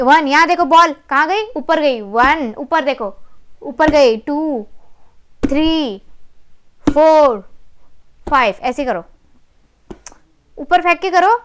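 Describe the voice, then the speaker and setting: Mother, high and unhurried, patient repetitive prompting of a child. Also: lively intonation, fairly bright tone. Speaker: mother doing therapy exercises with her child. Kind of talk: coaching a child through play.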